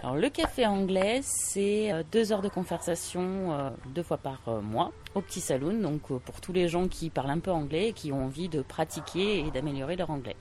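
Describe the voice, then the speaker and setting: A woman's voice: deep voice, expressive, a little fast, hardly any pauses, a little mellow. A woman who runs an English conversation workshop, answering interview questions hesitantly with many fillers.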